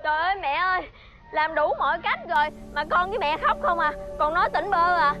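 An actress with a Southern Vietnamese accent playing a whiny, scheming spoiled daughter in a folk-tale TV drama. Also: female voice, very high-pitched, fairly quick. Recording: loud background music score.

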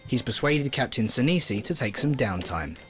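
Male narrator, scripted documentary voice-over, animated pitch, measured delivery, music underneath.

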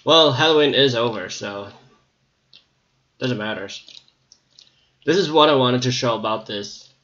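A man's voice: mid-range voice, a little slow, fairly bright tone, highs cut off. A man giving casual, rambling gameplay commentary with a slightly scratchy voice, hesitating often with ums. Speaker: gameplay video maker.

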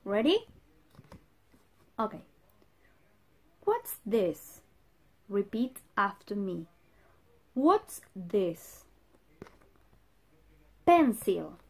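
A young woman, a native Spanish speaker, teaching English to young children in simple, emphatic phrases as if to a toddler, pausing for answers. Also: mid-range voice, very animated, a little mellow. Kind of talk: children's vocabulary lesson with repeat-after-me drills. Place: indoor room in front of a whiteboard.

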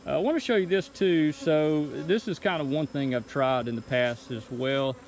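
A man's voice: a little high, moderate pace, low-quality recording. A man in his thirties, a beekeeper, talking through his work step by step in a casual how-to vlog. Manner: relaxed, explaining step by step. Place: outdoor bee yard. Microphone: phone camera held while working. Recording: outdoor noise with buzzing bees. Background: insects buzzing outdoors.

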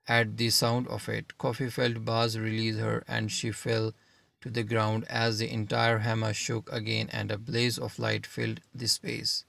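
A man narrating an audiobook in a steady, measured reading. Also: medium pitch, creaky, dry recording.

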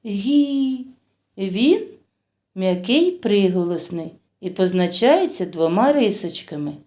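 With a warm, sing-song voice of medium pitch, a woman who teaches kindergarten leads little ones through a phonics lesson. She sounds out words in a slow, drawn-out way, questioning the children and praising them.

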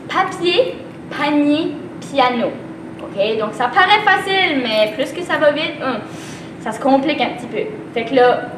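High-voiced young Canadian French woman, echoey. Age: young adult. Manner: articulates tongue twisters, slowly then faster. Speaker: theatre workshop leader. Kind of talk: instructional demonstration of tongue twisters. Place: theatre stage, indoors. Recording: roomy, distant microphone, clear background noise.

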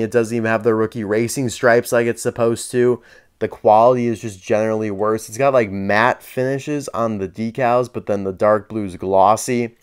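A man's voice: fairly low pitch, smooth. A man chatting casually as he unboxes and reviews collectible toy cars, candid and dryly sarcastic.

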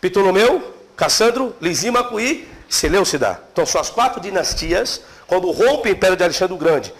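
A middle-aged man teaching theology in a seminary classroom, lively and questioning his students. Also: high-pitched, moderate pace. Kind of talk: classroom lecture.

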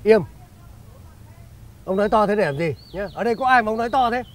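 A man's voice: sits high, animated, a little fast, fairly bright tone. An actor playing a crafty, bossy male schemer in a comedy sketch, talking down to others. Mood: smug. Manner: bossy, ends phrases with a teasing "nhá". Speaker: comic actor.

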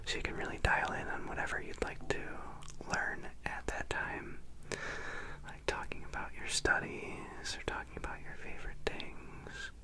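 Whispering man doing an ASMR ad read. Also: normal speed. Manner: casual, playful. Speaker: sponsored ad reader. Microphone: close studio microphone on a desk.

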